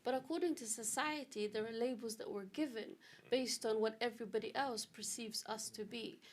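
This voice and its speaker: A woman's voice: fairly high pitch, moderate pace. A woman from Britain speaking as a panelist on an online discussion, earnest and direct about her own experience. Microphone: video call.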